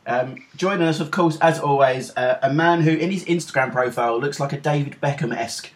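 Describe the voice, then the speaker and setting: A man's voice: on the high side, a little fast. A middle-aged British man hosting a podcast in an informal, rambling, self-deprecating chat style. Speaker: podcast host.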